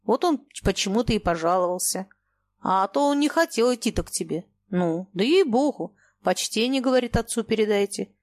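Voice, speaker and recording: Woman doing a gruff bearded merchant father. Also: mid-range voice, lively intonation, moderate pace, close to an everyday voice. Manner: blunt, scolding then fatherly.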